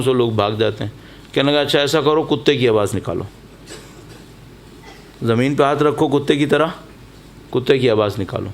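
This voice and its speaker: A man's voice: mid-range voice, slight background noise. A man delivering a religious sermon at a mourning gathering, telling stories and exhorting his listeners with emphatic repetition. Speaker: preacher. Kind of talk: Muharram majlis sermon. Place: mosque or majlis hall.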